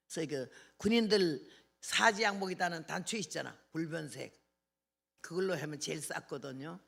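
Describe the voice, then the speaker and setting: Older woman preaching, folksy and gravelly. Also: on the low side, fairly bright tone. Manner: folksy storytelling, acting out dialogue. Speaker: missionary preacher. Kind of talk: revival sermon with anecdotes.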